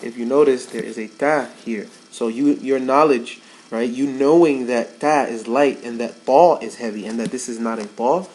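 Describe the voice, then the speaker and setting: A man's voice: medium pitch, normal speed, poor audio. A man in a mid-range voice teaches Quran recitation in a loose, chatty way. He circles back and repeats words to press home each mistake. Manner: relaxed, repeats words for emphasis. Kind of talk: casual tajweed lesson.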